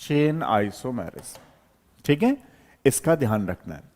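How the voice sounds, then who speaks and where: A man's voice: mid-range voice, big pitch swings, unhurried, a little mellow. Male teacher lecturing in a reverberant hall. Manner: explains step by step while writing, with frequent checks like "okay". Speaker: chemistry teacher. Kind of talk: board lecture to students. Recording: long reverb, hall-like room.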